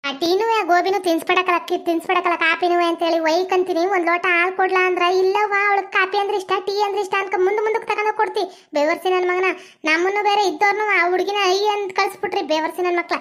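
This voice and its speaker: A woman's voice: very high-pitched, steady tone, a bit bright. A woman playing a nagging middle-aged village mother-in-law with a North Karnataka Kannada accent. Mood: scolding. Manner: nagging, scolding, fast complaining.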